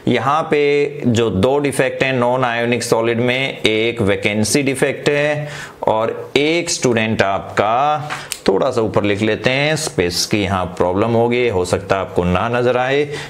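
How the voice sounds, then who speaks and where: A man teaching chemistry. He mixes English terms into Hindi, often checks in with his students and dictates headings slowly. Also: mid-range voice. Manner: slows right down to dictate headings. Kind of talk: online class lecture.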